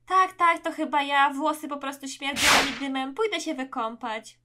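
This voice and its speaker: A woman's voice: sits high, moderate pace, heavy background noise, lightly acted. Woman voicing a whiny toy dad who needs a shower. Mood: sheepish. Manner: whiny, insistent.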